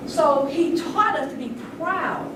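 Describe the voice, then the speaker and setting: Slow and high-voiced, this older woman speaks informally but with deep conviction and emphasis, narrating like a conversation. The venue is an indoor public event room. Audio is echoey and noisy, captured from a distance.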